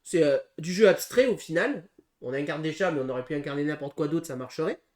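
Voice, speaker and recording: A man co-hosting a casual board game preview, talking through game rules with frequent pauses and restarts. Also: on the high side, a little mellow. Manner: hesitant, full of pauses and restarts while explaining rules. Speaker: board game channel co-host.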